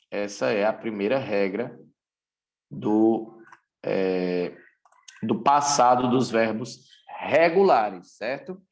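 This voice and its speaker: In a recorded lesson, a Brazilian man teaches English grammar, speaking deliberately and going over the key points again. His voice sits in the mid range.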